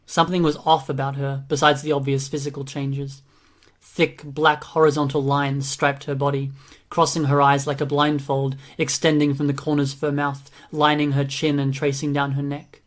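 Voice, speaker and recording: A man narrating a fantasy audiobook in a steady, even reading. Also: a little high, moderate pace. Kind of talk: scripted narration.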